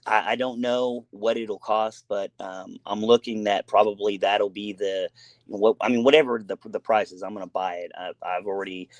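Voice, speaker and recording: An adult man with a son hosts a casual gaming talk show, speaking in long, rambling, emphatic stretches packed with fillers and restarts. His voice is lowish with fairly even intonation, at normal speed, in a dry recording.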